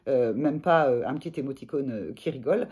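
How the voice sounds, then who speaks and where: A woman coach giving gentle, hesitant advice to camera, with many pauses and fillers. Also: extremely low pitch, breathy edge. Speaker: sophrologist and life coach. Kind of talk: casual advice talk to camera.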